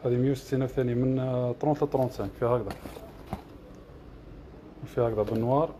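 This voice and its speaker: A man with an Algerian Arabic accent runs down shoe models one after another, listing prices and colors. He talks quickly at an ordinary middle pitch. Clear shop ambience hums behind him. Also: steady tone, dark tone, slight background noise. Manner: rattles off prices and colors in a list. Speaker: shop seller. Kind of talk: product showcase livestream.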